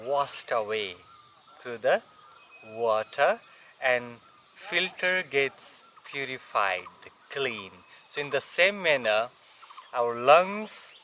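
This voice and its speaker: Male yoga instructor, non-native English, bright forceful tone, unhurried and halting delivery, explaining off the cuff. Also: mid-range voice, slight background noise. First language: not English. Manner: halting, searching for words. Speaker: yoga teacher.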